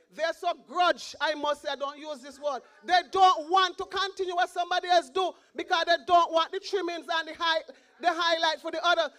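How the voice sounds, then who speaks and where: A woman's voice: very high-pitched, fairly bright tone. A woman with a Montserrat accent giving an impassioned, pleading rally speech as a political candidate, repeating her slogans.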